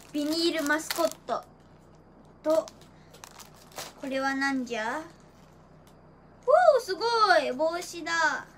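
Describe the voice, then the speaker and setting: A teenage girl streams casually from a small room in a very high, bright voice. She is excitable and giggly, peppering her chat with playful gyaru slang and silly sound effects. There is faint noise behind her. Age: teens. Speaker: idol livestreamer. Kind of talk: casual livestream chat, showing gifts. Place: small decorated room indoors.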